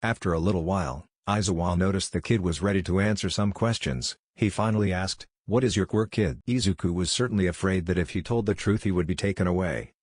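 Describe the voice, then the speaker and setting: A man narrating a fan story in an even, unhurried reading voice. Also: sits low, no room sound, clean studio sound. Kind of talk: slow scripted story narration.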